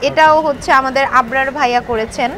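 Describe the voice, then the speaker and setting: A woman selling at a bookstall presents her products in an informal interview amid a busy book fair, with heavy crowd noise behind her. She mixes English words into her speech. Her high-pitched voice is fairly bright and fairly even, and she talks fast.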